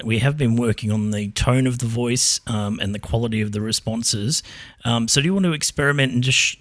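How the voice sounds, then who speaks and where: A man hosting a casual tech podcast, talking in a relaxed, probing way with frequent ums as he quizzes an AI. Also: mid-range voice, no room sound. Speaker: podcast host.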